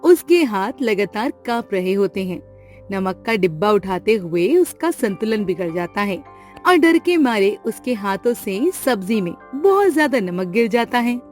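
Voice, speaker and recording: A woman narrating an animated family story in a steady, plain storytelling way. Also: mid-range voice, measured pace, faint music behind.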